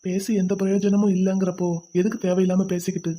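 A woman's voice: medium pitch, little pitch movement, fast, dark tone, close to an everyday voice. A woman voicing a stern young husband in a cartoon who lectures and scolds. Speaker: cartoon voice actor. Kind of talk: cartoon voice acting.

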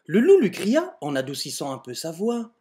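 Standing in front of a door at home, an amateur video maker tells a funny fairy tale to his webcam, adding mock-exasperated asides. His mellow voice is on the high side, with huge pitch swings at normal speed, and a little hiss or hum can be heard.

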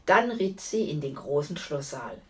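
Slow, lively woman reading a fairy tale. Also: deep voice, far from the mic. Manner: expressive, addresses the listeners directly. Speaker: storyteller.

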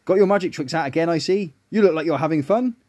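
A man voicing a cheerful, brisk male doctor who is a pepper shaker in a children's story. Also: a little high, darkish tone, muffled recording, lightly acted. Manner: friendly, brisk.

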